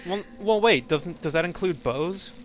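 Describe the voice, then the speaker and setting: A man's voice: sits high, lively intonation, measured pace, very noisy. A man in casual gaming commentary, talking in a sardonic, freely profane way as a co-commentator.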